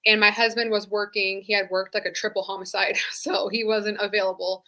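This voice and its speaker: This interview guest, a woman in her thirties who used to be a sheriff's deputy, recounts her own experiences in casual, candid conversation full of "like." Her medium-pitched voice is flat and a little fast, with a bright, forceful edge.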